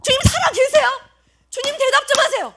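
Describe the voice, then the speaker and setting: A woman's voice: very high-pitched, brisk, gravelly, a bit bright, a little hiss or hum, pitched above the performer's own voice, exaggerated voice. A woman acting out a persecuted believer crying out to God in desperate, pleading prayer.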